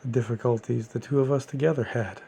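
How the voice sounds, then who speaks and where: A middle-aged man talking through a casual personal video diary, a little out of breath, halting and wry about himself. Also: mid-range voice, steady tone, gravelly, mellow, slight background noise. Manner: slow, halting, wry and self-deprecating. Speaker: vlogger.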